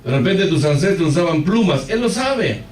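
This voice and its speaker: Man, pastor, animated sermon storytelling, somewhat high pitch, distant mic, faint room ambience. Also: moderate pace, slight background noise. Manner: animated storytelling with direct address to the congregation. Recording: echoey hall, far from the mic.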